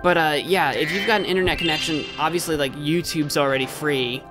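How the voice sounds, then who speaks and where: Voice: mid-range voice, fairly quick. Playful game streamer over faint music. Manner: playful, rambling, repeats phrases. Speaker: game livestream host. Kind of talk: casual game commentary, chatting with viewers.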